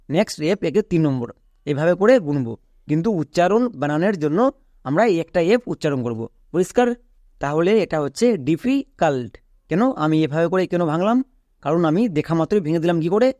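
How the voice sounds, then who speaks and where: A man's voice: on the high side, mellow, no room sound, clean studio sound. A man with a Bengali accent teaching English spelling rules step by step, asking and answering his own questions. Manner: asks and answers his own questions, repeats key words. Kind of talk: step-by-step classroom explanation.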